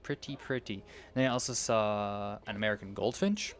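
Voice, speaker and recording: A man's voice: on the low side, fairly even intonation, normal speed, slight background noise. A young man giving rambling, casual commentary while playing a video game, often losing his train of thought. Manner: rambling, meandering, self-interrupting. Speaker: gaming video creator.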